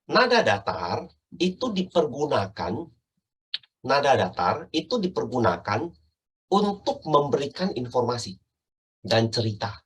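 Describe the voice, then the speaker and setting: A man giving an online sales training talk, animated and often checking in with his listeners. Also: medium pitch, unhurried, long pauses, husky.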